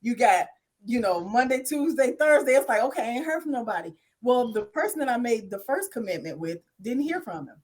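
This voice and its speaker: Husky woman telling a story. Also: a little high, brisk. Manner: animated storytelling, acts out quotes. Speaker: podcast co-host. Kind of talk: casual group chat.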